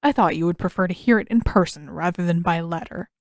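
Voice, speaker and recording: A woman's voice: on the low side, fast talker, no echo, clean studio sound, close to an everyday voice. A woman putting on a smug, sarcastic admiral. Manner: mocking, sarcastic. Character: smug sarcastic male naval admiral, cold and condescending. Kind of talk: fan audiobook reading.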